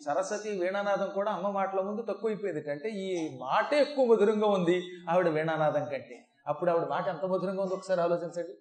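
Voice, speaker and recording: A man giving a devotional scripture discourse, telling it in an animated way and changing his voice to act out the verses. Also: high-pitched. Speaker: Puranic discourse speaker. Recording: echoey hall recording.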